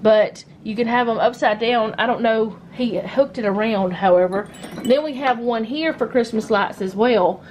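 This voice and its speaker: A home vlogger with a slightly high, somewhat mellow voice speaks at a moderate pace, recorded in poor audio with slight background noise. She casually shows household items indoors while filming handheld on her phone, rambling and correcting herself as she goes.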